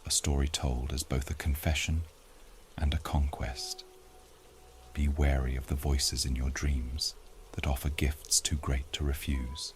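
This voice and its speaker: A man narrating a scripted horror story in a hushed, often half-whispered delivery. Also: rumbling low, flat delivery, a little slow, slight background noise.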